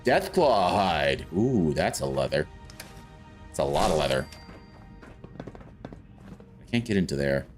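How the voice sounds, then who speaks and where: Rumbling and low, his voice swings through big pitch changes at a slow pace broken by long pauses. He's a South African gamer giving relaxed, rambling commentary and thinking out loud mid-play, with faint game music in the background.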